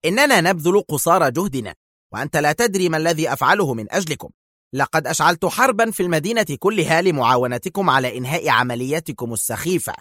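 A man's voice: a little high, animated, quick pace, a bit bright, no room sound, clean studio sound, pitched above the performer's own voice. A man voicing a nervous, agitated male police chief. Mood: strained.

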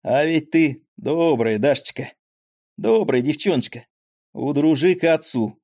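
A man's voice: on the high side, a little slow, darkish tone. A man voicing a frail, talkative old father with a weak voice and rambling folksy speech, in an audiobook. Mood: weak, tender.

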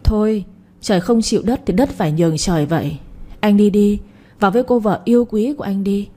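A woman's voice: medium pitch, a little fast, mellow, lightly acted. A woman voicing a bitter scolding old mother. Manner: reproachful, scolding. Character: embittered older mother, possessive and scolding.

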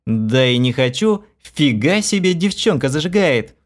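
A man doing a shrill, gleeful young woman. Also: sing-song, unhurried. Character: excited cheeky young woman gamer.

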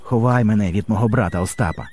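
A man's voice: fairly low pitch, fast talker, darkish tone, a little hiss or hum, lightly acted. A man voicing a cold, estranged young son who talks to his mother in a detached way in an audiobook. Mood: cold aloof. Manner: aloof, detached.

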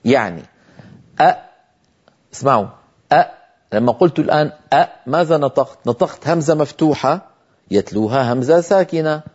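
A man's voice: mid-range voice, lively intonation, fast talker, a little mellow, slightly rough, lo-fi sound. A middle-aged man teaching a Quran recitation lesson, earnestly exhorting his listeners and drawing out sounds to demonstrate them. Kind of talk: tajweed lesson lecture.

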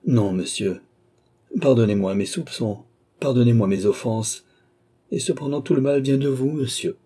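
A man's voice: mid-range voice, moderate pace, mellow, pitched above the performer's own voice, natural voice. A man voicing a grieving, hot-tempered young nobleman in an audiobook, with agitated, broken outbursts. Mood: distraught.

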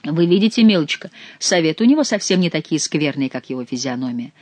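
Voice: mid-range voice, animated, quick pace, darkish tone, no echo, natural voice. A reader doing an amorous gallant king. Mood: tender. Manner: tender, playful, effusive. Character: amorous gallant young king, playful and dreamy.

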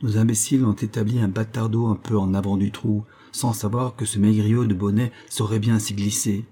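A man's voice: on the low side, flat delivery, brisk, mellow, close to an everyday voice. A man voicing a sly, wiry male convict who taunts his partner in a sardonic way. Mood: boastful.

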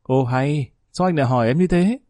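Man narrator doing a high fawning nervous henchman, begging, mellow dry sound. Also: fairly quick, no room sound, lightly acted. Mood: pleading. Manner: pleading, placating and eager. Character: fawning nervous male gang underling.

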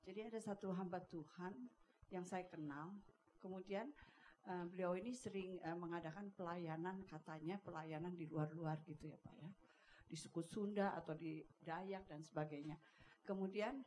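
A woman's voice: lowish voice, a little mellow, a little hiss or hum. A woman in a congregation politely asking her pastor a question, hesitant and full of fillers.

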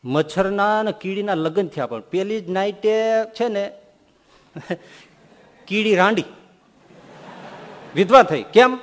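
A male swami giving a humorous storytelling sermon, shifting between soft and loud delivery. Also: high-pitched, expressive, slow pace, pauses often. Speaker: swami giving a scripture discourse. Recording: echoey hall.

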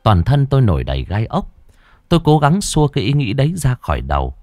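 Dramatic, lively male horror storyteller. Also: medium pitch, a little fast, no room sound, studio quality. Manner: dramatic, suspenseful reading. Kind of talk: scripted horror narration.

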